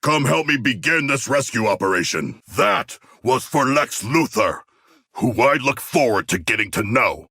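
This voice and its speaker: A man playing a hulking, earnest shark warrior in a video game, speaking in stilted, grandiose, formal phrases with a gravelly, rough voice. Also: medium pitch, pushed and bright, dry recording, studio quality, exaggerated voice. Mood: pensive, formal. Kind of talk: video game character voice lines.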